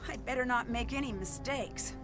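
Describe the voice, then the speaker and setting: Actress as young female game detective, high voice, earnest, determined, music behind. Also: normal speed, natural voice. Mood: worried, determined. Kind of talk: video game voice acting.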